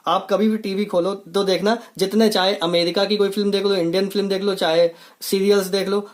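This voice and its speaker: Teacher talking thru a lesson, keeps asking "what is it?" then answering, says stuff twice. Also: medium pitch. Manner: asks rhetorical questions and answers them, repeating key words; plain, patient explaining in simple steps. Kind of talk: online coaching lesson.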